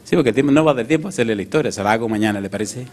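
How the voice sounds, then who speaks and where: A man's voice: mid-range voice, rapid-fire. A male pastor preaching a sermon, telling a story and acting out its characters' voices. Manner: animated, acts out the voices in his story. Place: church.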